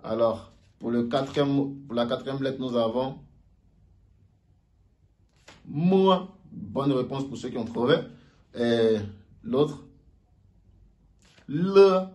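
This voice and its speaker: A man giving a casual video lesson on Mandarin sounds, slowly repeating each sound aloud for learners. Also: medium pitch, fairly even intonation, darkish tone. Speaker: Mandarin teacher.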